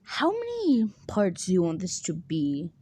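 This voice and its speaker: Low, slow-talking young woman rambling casually. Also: huge pitch swings, warm tone. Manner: rambling, filler-heavy, acts out characters' lines. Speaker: fan storyteller. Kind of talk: casual rambling story retelling.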